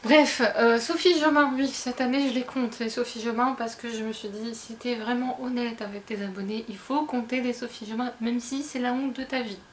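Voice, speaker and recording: A woman's voice: fairly high pitch, fairly even intonation, normal speed, hardly any pauses, a little hiss or hum. A woman talking casually about her books to her viewers, chatty and self-mocking with lots of fillers and restarts. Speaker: book vlogger. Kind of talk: casual chat.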